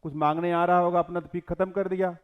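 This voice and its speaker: A middle-aged man lectures a class and poses questions that he answers himself. His voice sits a little high for a man. The recording is muffled and lo-fi. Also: level tone, fast, smooth. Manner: explains verse line by line, asks and answers his own questions. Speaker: teacher.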